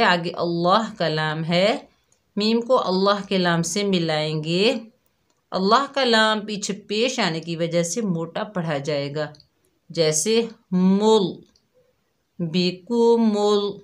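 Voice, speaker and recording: Lowish-voiced woman, recitation teacher, unhurried drill of each syllable. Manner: patient, spells out each syllable and repeats it. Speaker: Quran tajweed teacher. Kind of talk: slow step-by-step recitation lesson.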